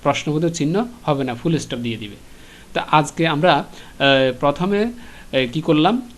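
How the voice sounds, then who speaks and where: A man teaching an English lesson to schoolchildren, explaining patiently with frequent filler pauses and repeated questions. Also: fairly high pitch, lively intonation.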